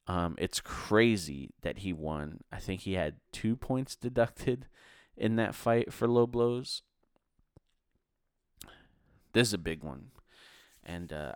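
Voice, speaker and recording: A man's voice: deep voice, clear, resonant tone, no echo, studio quality. A man hosting a podcast, giving a casual, chatty rundown of fight results and chuckling now and then. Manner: chatty, laughs between results. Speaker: podcast host. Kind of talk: casual fight review monologue.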